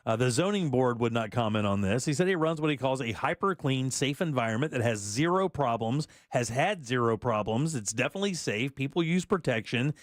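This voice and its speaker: A male radio host reads odd news stories in a relaxed, chatty way and laughs often at his co-hosts' jokes. His voice sits in a middle pitch. The studio sound is dry and close. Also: brisk, few pauses, dry recording. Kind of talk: casual radio talk and news reading.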